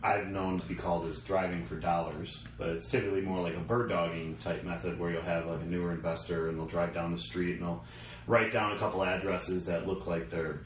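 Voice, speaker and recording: A man hosting an interview show, relaxed as he explains things between short affirmations. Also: low voice, fairly quick. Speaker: radio show host. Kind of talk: casual interview. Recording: roomy echo, distant from mic, faint noise.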